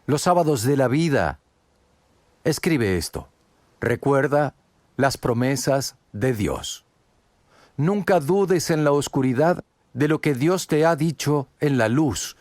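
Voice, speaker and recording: A man's voice: fairly high pitch, animated, measured pace, a little mellow, dry recording. A man preaching a sermon, earnest and direct, asking many rhetorical questions and speaking straight to the listener. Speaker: pastor.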